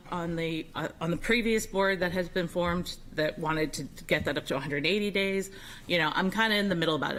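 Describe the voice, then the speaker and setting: A woman's voice: low-pitched, fairly bright tone, low-quality recording. A woman who sits on a city board giving background at a public meeting, conversational and explanatory. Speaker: board member.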